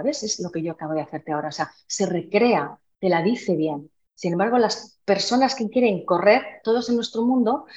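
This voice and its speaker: A woman voice therapist explaining in a podcast interview, demonstrating by changing her volume and slowing down. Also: mid-range voice, darkish tone, dull audio. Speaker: voice therapist and trainer.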